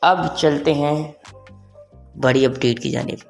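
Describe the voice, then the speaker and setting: This tech video presenter is a young adult man with a slightly high, slow, somewhat mellow voice, fairly even in intonation and touched by vocal fry. He gives online viewers a casual tech tutorial, dropping English phrases in as he goes, over background music.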